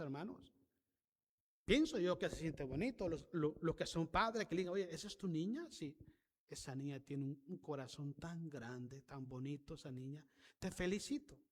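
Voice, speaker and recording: A male pastor preaching a sermon to his congregation, calling on members by name and building to loud, emphatic passages. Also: fairly high pitch. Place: church hall. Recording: long hall reverb.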